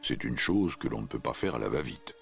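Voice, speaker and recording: A man's voice: very deep voice, very animated, a little fast, gravelly, a bit bright, faint music behind. A man reading scripted narration for a nature documentary.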